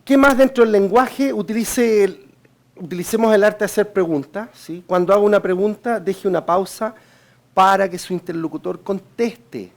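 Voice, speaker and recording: A man's voice: sits high, normal speed. Chilean man giving a sales seminar. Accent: Chilean Spanish. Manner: checks in with listeners by asking "right?"; coaching, direct advice to the audience. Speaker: sales trainer giving a talk. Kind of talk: seminar lecture.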